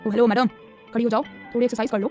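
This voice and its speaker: A woman's voice: a little high, flat delivery, very fast, darkish tone, soft background music, lightly acted. A woman voicing a stern, sarcastic young man who bosses and teases his secretary. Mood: bossy teasing. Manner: bossy, sarcastic scolding. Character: stern young man, teasing bossy employer.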